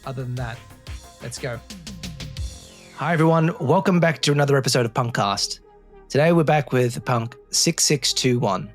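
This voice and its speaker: A man hosting a podcast, interviewing a guest in casual talk and often hesitating with fillers and restarts. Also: mid-range voice. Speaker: podcast host.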